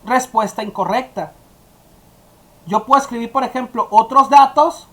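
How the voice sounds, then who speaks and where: Woman, teacher, step-by-step coding tutorial, talks straight to students, slightly high voice. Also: normal speed, a bit bright. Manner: explaining step by step, addressing students directly. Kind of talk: screen-recorded coding tutorial.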